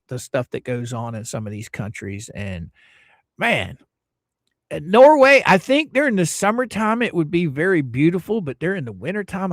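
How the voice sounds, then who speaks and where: An American man hosts a casual livestream and chats loosely with his viewers. His voice sits a little high and swings widely in pitch. The sound is close and dry. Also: dry recording. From United States. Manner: greets viewers by name, loose and chatty; opinionated, rambling asides. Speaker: livestream host.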